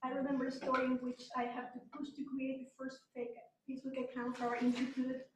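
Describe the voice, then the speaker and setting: A high-voiced woman from Chile gives a relaxed, self-deprecating lecture in a university seminar room. She is picked up from across the room, so her voice comes through roomy and distant, with a faint hum behind it. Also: fast talker. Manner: conversational, self-deprecating, occasional light laughs. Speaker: guest speaker. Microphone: far room camera. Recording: distant echoey room mic.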